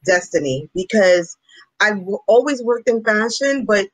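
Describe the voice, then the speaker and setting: A woman from Brooklyn, telling stories as a panelist in a lively, conversational way. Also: a little high, unhurried, no echo, rough recording. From New York City (Brooklyn). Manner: lively storyteller, animated, conversational. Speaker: fashion brand panelist. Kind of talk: panel discussion.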